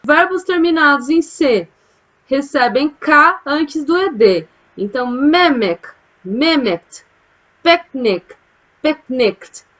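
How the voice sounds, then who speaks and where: A high-voiced woman from Brazil leads a casual English grammar lesson from her home. She takes her time and keeps checking that her students follow along. The sound is a little dull and lo-fi. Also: expressive, slow pace, a bit bright. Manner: explains patiently, often asks "né?" and "tá, gente?". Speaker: English teacher. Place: home, during quarantine.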